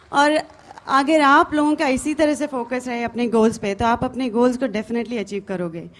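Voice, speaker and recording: Earnest woman giving a motivational talk. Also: a little high. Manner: earnest, pausing with fillers. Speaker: speaker sharing a success story.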